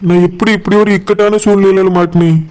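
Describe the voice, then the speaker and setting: A man voicing a fretful young lover, high-voiced. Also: little pitch movement, fast, darkish tone, close to an everyday voice. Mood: anxious. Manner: fretful, reassuring. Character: anxious young man secretly in love with his cousin. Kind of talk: cartoon voice acting.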